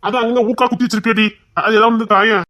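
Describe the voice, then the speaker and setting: A man's voice: high voice, steady tone, fast talker, pushed and bright. A man acting a playful, teasing young man in a comic romance drama, stammering and joking in a Tamil accent. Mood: wheedling. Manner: teasing, stammering, mock-crying.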